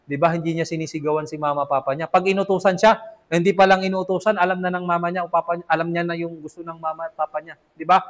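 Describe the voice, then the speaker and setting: High-voiced man teaching in a mosque. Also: flat delivery, fast. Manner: conversational, asks "di ba?" often, acts out children's replies. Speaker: imam teaching a weekly class. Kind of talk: casual Islamic lesson. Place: mosque classroom. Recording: dull lo-fi recording.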